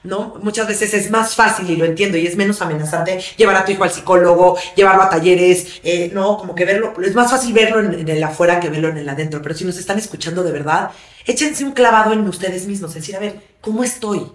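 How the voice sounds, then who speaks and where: A woman's voice: on the low side, fast. A woman with a Mexican Spanish accent who works as a parenting coach, explaining earnestly in a casual podcast conversation and acting out the voices of the parents she talks about. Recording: roomy echo.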